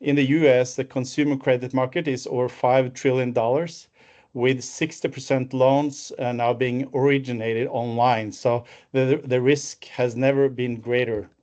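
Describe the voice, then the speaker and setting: A Norwegian man in his fifties with a Norwegian accent presents a business webinar over a video call, alone in an office. His medium-pitched, slightly mellow voice moves little in pitch at a moderate pace, and he speaks fluently but with many fillers and restarts. The call audio is muffled and lo-fi.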